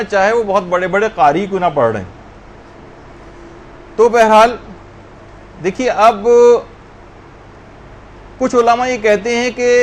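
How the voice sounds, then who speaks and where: A man's voice: high voice, a little hiss or hum. A man teaching a religious lesson, explaining patiently and drawing out sounds to demonstrate pronunciation. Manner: explanatory, drawn-out demonstrations of Arabic letters.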